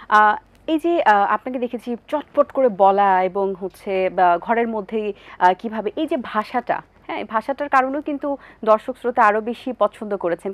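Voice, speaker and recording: A woman hosting a television talk show who asks her guests questions politely, pausing on drawn-out hesitations. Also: medium pitch, no room sound. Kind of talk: TV interview questions.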